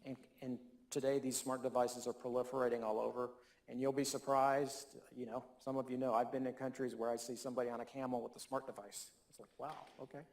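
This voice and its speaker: A man's voice: medium pitch, flat delivery, quick pace, darkish tone. A man speaking as a keynote speaker, answering audience questions in an earnest, persuasive way with emphatic stresses, in a conference hall.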